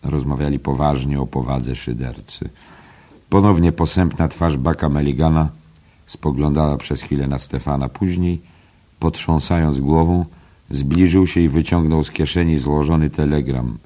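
A man reading a literary novel aloud as narrator, in a measured, even manner. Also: very deep voice. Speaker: audiobook narrator.

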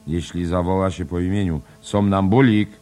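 A man voicing a kindly middle-aged man looking after a drunk friend, gentle and murmuring to himself. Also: very deep voice, normal speed, slightly rough. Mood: concerned.

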